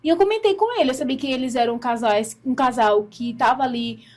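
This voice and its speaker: A woman's voice: sits high, brisk. A Brazilian woman telling her personal faith story in an earnest way, acting out what she said back then. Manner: earnest storytelling, acts out her own past words. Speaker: guest giving a testimony.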